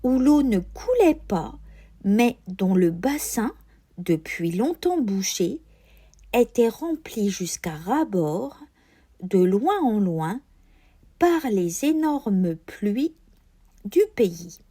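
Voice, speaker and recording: A woman dictates a text like a schoolteacher, extremely slowly and deliberately. Her tone is soft and mellow, with careful articulation. The pitch moves expressively through each measured phrase. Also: very animated, husky. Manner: careful, deliberate enunciation with marked liaisons. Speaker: teacher giving a dictation. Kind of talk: dictating slowly, repeating phrases and speaking punctuation aloud.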